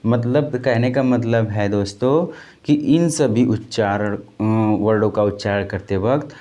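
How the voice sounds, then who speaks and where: Unhurried and warm, with a voice on the low side, this man teaches an exam-prep lecture. Key terms come up again and again, and he asks them back to his students as questions in a call-and-answer drill, addressing viewers as friends.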